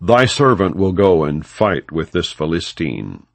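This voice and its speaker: A man reads as a brave, devout young shepherd ready for battle in a scripture audiobook. The voice is low and earnest, declaiming archaic lines with a broad, animated swing in a dry recording. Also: measured pace, gravelly, no echo, exaggerated voice. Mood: earnest, confident. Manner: earnest, declamatory, old-fashioned scriptural speech. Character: bold, faithful young shepherd boy facing battle.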